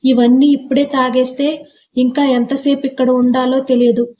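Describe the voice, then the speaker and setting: A woman's voice: high-pitched, level tone, moderate pace, warm tone, lo-fi sound, lightly acted. A woman voicing a frightened young village woman lost in a forest, in a horror audio story.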